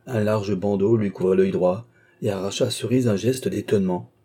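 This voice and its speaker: A man's voice: fairly low pitch, fairly even intonation, moderate pace, mellow, breathy edge. A man narrating an audiobook novel, voicing the characters' dialogue with lightly raised voices. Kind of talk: scripted narration.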